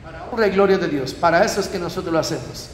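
A priest giving a parish talk, telling stories and checking in with the audience. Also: male voice, high voice, fast, slight background noise. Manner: storytelling, asks audience with frequent tag "¿eh?". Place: church. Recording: echoey church hall.

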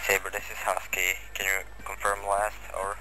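A man calling in terse, clipped radio procedure, pausing on "uh", heard over a crackly radio with static bursts. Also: low voice, monotone. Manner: terse, hesitant with "uh". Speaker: player on the radio net.

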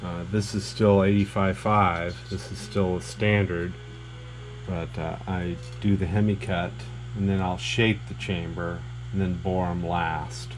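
Low monotone guy at the machine shop, lots of uhs, shop noise behind him. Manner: plain, halting with many fillers. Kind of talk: casual shop explanation. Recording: noisy workshop.

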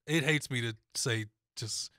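Young male co-host, bright and opinionated, dry studio mic. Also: mid-range voice, no echo. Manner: opinionated, quick laughs and restarts. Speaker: sports show co-host. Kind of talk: casual sports talk. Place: small studio with foam panels. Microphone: studio mic on boom, headphones.

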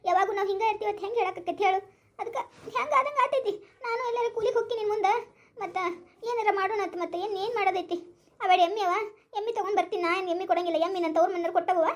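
A woman's voice: very high-pitched, rapid-fire. A woman playing a practical, talkative village woman who questions and consoles her relatives, with a North Karnataka accent. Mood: chatty advice. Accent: North Karnataka Kannada. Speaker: village woman in comedy skit.

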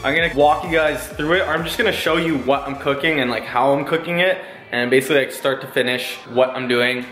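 A man's voice: mid-range voice, fairly even intonation, fairly quick, fairly bright tone, faint music behind. A young man in his twenties vlogging casually from his home kitchen, filling his talk with "like" and swearing now and then, on a handheld camera. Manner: laid-back, filler-heavy, swears casually. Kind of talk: casual vlog walkthrough. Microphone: handheld camera at arm's length. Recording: echoey kitchen room sound.

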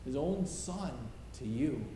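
At the pulpit of a large church sanctuary, a middle-aged male pastor preaches, stressing short repeated phrases. His slightly high voice is warm and expressive, taken slowly, with roomy church reverb and faint hiss.

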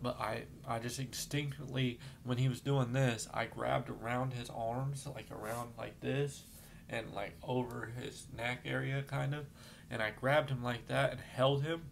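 A man's voice: mid-range voice, creaky, a little hiss or hum. A man telling his own life story, rambling with fillers and restarts, shaken as he recalls the events. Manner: gets shaken and apologizes, trying to calm down. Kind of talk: emotional personal storytelling.

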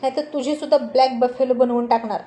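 A woman voicing a hot-tempered young man, warm-toned. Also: high voice, fairly even intonation, fast, lightly acted. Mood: annoyed. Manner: irritated, scolding.

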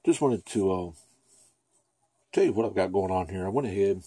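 A man's voice: low voice, animated, moderate pace, dark tone, slightly rough. A man giving a casual, chatty painting lesson at his easel, thinking aloud as he works. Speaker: painting instructor. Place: dim room at an easel.

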